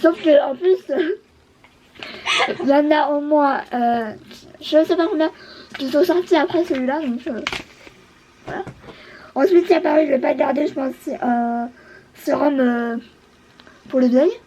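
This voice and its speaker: Chatty woman vlogger, high voice. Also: normal speed, pauses often, noisy background. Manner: chatty, hesitant with many fillers. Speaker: beauty vlogger. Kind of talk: casual chat.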